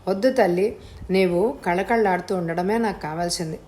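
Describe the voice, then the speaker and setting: Here is a tender, doting old father with silver hair, as a woman narrator puts him on. He speaks gently and with affection, pleading softly, in a storybook reading. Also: fairly low pitch, moderate pace, natural voice.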